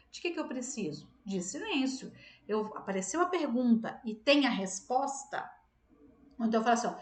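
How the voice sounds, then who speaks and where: A woman's voice: on the high side, reverberant. A woman teacher with a Brazilian Portuguese accent giving a casual grammar lesson, acting out her students' questions and answering them in a chatty way.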